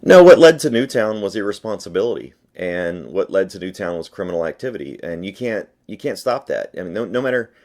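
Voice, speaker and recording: The same phone interview guest, a gun rights advocate, keeps pressing his points in an insistent, emphatic, argumentative way. He sits low in pitch but swings widely, talking briskly with few pauses in a darkish tone.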